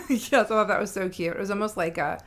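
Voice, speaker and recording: A woman's voice: mid-range voice, a little fast. A woman co-hosts a casual podcast chat about a cartoon. She reacts with amusement, agrees in short replies and laughs often as she shares her take. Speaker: podcast co-host.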